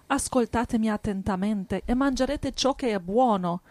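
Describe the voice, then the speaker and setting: Woman reading bible verses, calm and even, dry close sound. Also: fairly high pitch, dry recording. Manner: steady, measured reading. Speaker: scripture reader in a church service. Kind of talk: reading Bible passages aloud.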